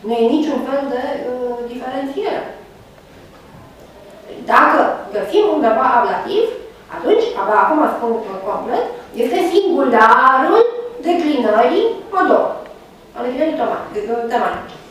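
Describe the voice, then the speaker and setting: A fairly high-voiced woman lectures to a class, pausing often with drawn-out fillers and checking that her students follow. She is caught from a distance in a very echoey room. A faint background hiss runs under her voice. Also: lively intonation. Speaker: university lecturer.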